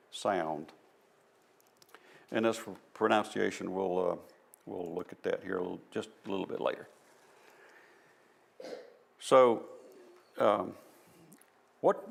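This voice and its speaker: A man with a Southern US accent talks a church group through a topic in an informal, folksy way. His voice sits low and carries a heavy gravelly fry, and he explains step by step with a self-deprecating touch. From American South. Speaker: presenter at a church. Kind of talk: informal presentation on language. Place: church hall.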